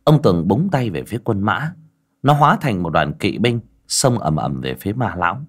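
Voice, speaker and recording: A man's voice: fairly low pitch, very animated, moderate pace. A man narrating an audiobook, addressing listeners directly in a conversational way.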